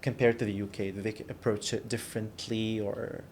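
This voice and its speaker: A man hosting a podcast, putting friendly questions to a guest in a relaxed interview. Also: on the low side, fairly quick. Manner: friendly, question-led, occasional restarts. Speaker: podcast host. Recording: faint background noise in a studio.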